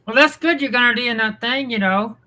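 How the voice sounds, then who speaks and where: A chatty ventriloquist puppet played by a woman with a sharp, bright tone. It rambles in a chummy, forgetful way, repeating itself and hesitating as it searches for words. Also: a little high, a little fast, voice pushed up, poor audio. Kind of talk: improvised ventriloquist banter.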